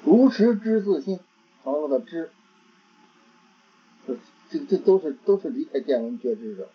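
A man giving a Buddhist dharma talk, halting and repeating words as he searches for phrasing. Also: on the high side, sing-song, breathy edge. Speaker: Buddhist teacher. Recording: dull lo-fi recording.

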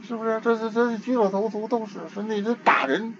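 A man's voice: high voice, level tone, brisk, fairly bright tone. An older man giving an informal Buddhist dharma talk, in a homely conversational way, often repeating and restarting his words. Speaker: Buddhist teacher. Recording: dull lo-fi archival tape with faint hiss.

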